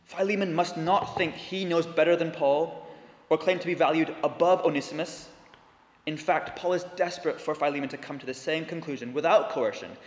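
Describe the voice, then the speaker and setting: A man preaching a sermon in earnest, slowing down to stress key words. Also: fairly high pitch. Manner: earnest, slows down for emphasis. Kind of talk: sermon with dramatic reading. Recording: echoey hall with long reverb.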